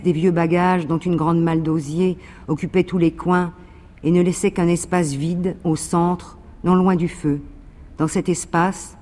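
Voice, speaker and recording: A man's voice: a little high, in a large hall. Man reading a novel aloud. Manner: measured, even narration. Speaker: reader. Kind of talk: literary reading.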